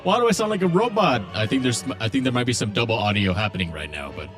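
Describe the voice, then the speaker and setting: Male game streamer, metallic robotic sound, doubled audio, excitable, lively pitch. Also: fast, faint music behind. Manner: excitable, laughs often. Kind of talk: casual live-stream chat.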